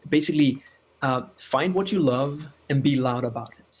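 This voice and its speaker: Husky-voiced man explaining ideas. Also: mid-range voice, normal speed, lo-fi sound. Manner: thoughtful, explanatory, says "like" often. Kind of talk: casual podcast chat.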